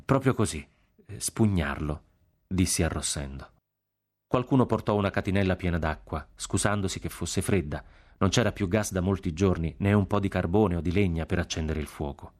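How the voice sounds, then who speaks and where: A man reading a novel aloud on a radio program in a measured, grave, unhurried way. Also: low-pitched, darkish tone. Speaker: audiobook reader on a radio program.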